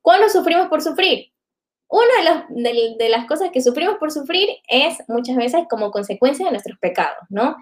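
A woman's voice: sits high, sing-song, moderate pace. A woman giving a reflective live faith talk to viewers, often tagging her sentences with "¿no?". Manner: reflective, many filler tags like "¿no?".

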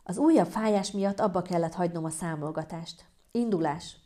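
Mélyebb, lágy hangú női mesélő. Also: female voice, on the low side. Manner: lively, humorous storytelling. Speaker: narrator. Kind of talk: first-person audiobook narration.

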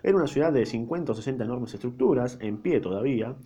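A man's voice: mid-range voice, lively intonation, fast talker, dark tone, breathy edge. Rioplatense man reading a book aloud. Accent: Rioplatense Spanish. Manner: informal slangy asides.

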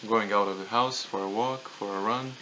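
Low, bright young man with Latvian accent. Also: steady tone, normal speed, dull audio. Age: young adult. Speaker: podcast guest. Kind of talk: casual podcast discussion. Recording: clear background noise, room ambience.

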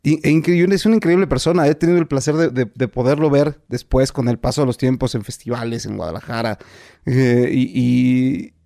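Dark-voiced Mexican actor, casual storyteller. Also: male voice, mid-range voice, no echo, studio quality. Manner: colloquial, many fillers and repeats. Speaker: actor guest.

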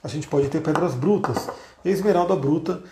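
A man's voice: on the high side, fairly quick, roomy sound, background noise. A man hosting a casual live stream as an astrologer, explaining things patiently and often adding tag questions to check in with listeners.

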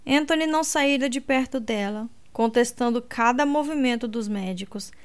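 A woman narrating a romance audiobook in a steady, measured way. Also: fairly high pitch, smooth.

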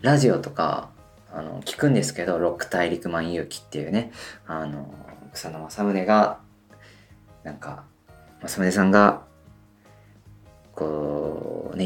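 A man in his twenties, a band member, rambling through a solo radio talk full of hesitant fillers while deliberately pushing his voice higher than usual. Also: lively intonation, vocal fry, faint music behind. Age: 20s. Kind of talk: casual solo radio monologue.

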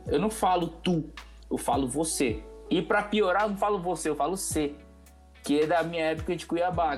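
Relaxed, rambling Brazilian man as a guest. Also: high voice. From Mato Grosso do Sul, Brazil. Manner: relaxed and rambling, with slang and repeated phrases. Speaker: podcast guest. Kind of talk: casual podcast interview.

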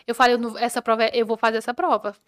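A young woman, a podcast guest telling a personal story in a lively way and acting out what each person said. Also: fairly high pitch, very fast. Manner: animated, acts out the dialogue of people in her story.

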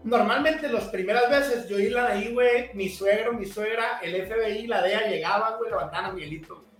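High-voiced man telling stories, cursing freely. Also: a little fast, reverberant, soft background music. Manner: profane, animated storytelling, mimics voices. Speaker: podcast co-host and father. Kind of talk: casual podcast chat.

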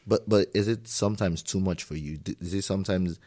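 A man's voice: low voice, brisk, mellow. A man who immigrated to Germany hosting an interview and asking long, rambling questions with frequent restarts. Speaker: podcast host. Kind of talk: casual interview.

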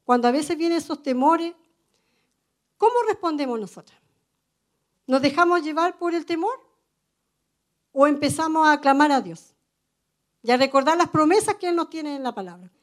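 A woman's voice: sits high, normal speed, pauses often. A woman with a Chilean accent preaching a sermon to other women. She is earnest and conversational, tells personal stories and keeps adding "amen". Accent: Chilean Spanish.

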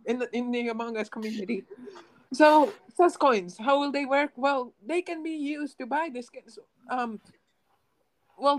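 A woman's voice: a little high, a little hiss or hum, poor audio. A nineteen-year-old woman chatting casually to her viewers, rambling with lots of ums and restarts. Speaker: gaming channel host.

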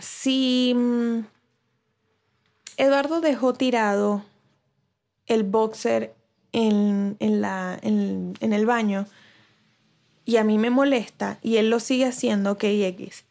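Chatty woman vlogger, fairly high voice. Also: gravelly, a little mellow. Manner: chatty, asks viewers rhetorical questions; frequent restarts and fillers. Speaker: vlogger giving relationship advice. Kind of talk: casual chat to camera.

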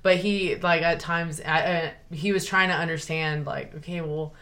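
A woman's voice: low voice, steady tone, normal speed, a bit bright. A young woman, talking earnestly and rambling with many fillers and restarts in a casual chat. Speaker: guest sharing her story.

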